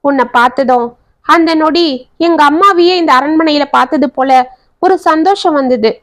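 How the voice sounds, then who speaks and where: A woman's voice: high voice, moderate pace, a bit bright. A woman voicing a heartbroken young wealthy man pleading tenderly in a family storybook tale.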